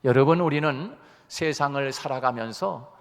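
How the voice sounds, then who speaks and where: A male pastor preaching a Sunday sermon, telling a story in an animated way and slowing down for emphasis. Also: medium pitch, long reverb tail. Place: church sanctuary.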